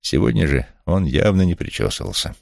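A man's voice: low-pitched, expressive, fairly quick, vocal fry, darkish tone, no echo, studio quality. A man reading a detective novel aloud as a wry first-person narrator. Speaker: audiobook reader.

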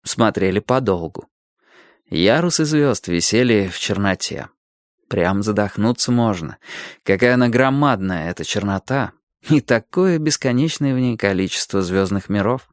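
A man narrating an audiobook story calmly and expressively. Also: on the low side, moderate pace, no echo, clean studio sound. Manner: calm, expressive.

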